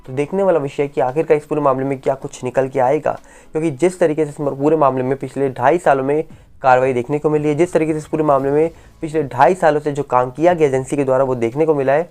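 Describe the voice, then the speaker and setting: A woman giving rapid spoken news commentary on entertainment stories, full of rhetorical questions and emphatic repetition, on a close voice-over mic. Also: low voice, dark tone.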